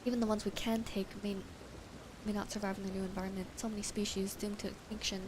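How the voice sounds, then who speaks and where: A woman's voice: medium pitch, flat delivery, quick pace, noisy background, close to an everyday voice. A woman voicing a weary farmer who is worried about leaving, speaking in a subdued, rambling way. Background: game music.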